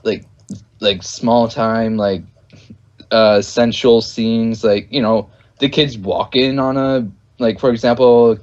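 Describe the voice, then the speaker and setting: A man's voice: mid-range voice, fairly even intonation, slow, darkish tone, dull audio. A young man from the United States co-hosting a gaming podcast, rambling nervously with many fillers and restarts. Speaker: podcast co-host. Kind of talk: casual chat.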